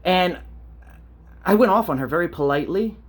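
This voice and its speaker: A man's voice: high voice, animated, normal speed, slightly rough. A man ranting on a vlog, blunt and profane, telling stories and asking rhetorical questions. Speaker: vlogger.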